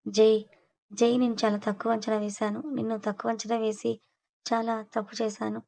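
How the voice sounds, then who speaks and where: A woman's voice: a little high, little pitch movement, normal speed, vocal fry, warm tone, no room sound, rough recording. A woman voicing a scheming middle-aged mother-in-law who speaks in a bitter, threatening way, in an audio story. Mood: vengeful.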